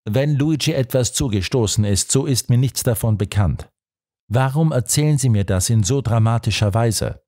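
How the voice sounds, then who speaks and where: A man's voice: medium pitch, normal speed, darkish tone, no echo, studio quality, lightly acted. A man reading the part of a defiant young woman in an audiobook, firm and scornful in tone. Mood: calm. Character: defiant young woman held captive, proud.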